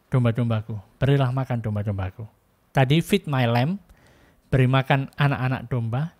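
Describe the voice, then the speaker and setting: A man preaching a sermon in an earnest storytelling way, acting out the dialogue as he retells it. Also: mid-range voice.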